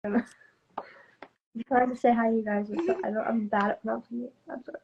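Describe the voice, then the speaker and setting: A young woman chatting casually while doing her makeup on a live stream. She giggles, stays relaxed and greets viewers. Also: on the high side, brisk, vocal fry, highs cut off, slight background noise. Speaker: guest. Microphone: phone on a live stream.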